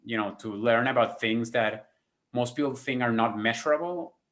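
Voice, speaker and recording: A man's voice: mid-range voice, normal speed, a bit bright. A man in his thirties hosting an interview over a video call from a home office, friendly and searching for words with many fillers. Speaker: host. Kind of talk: interview questions.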